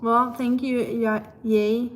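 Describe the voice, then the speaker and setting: This is a low-quality recording of a young German-accented woman hosting a livestream and reading viewer messages out loud. Her voice is on the high side and flat, and she takes things slowly, though she's chatty, laughs often, and makes playful asides.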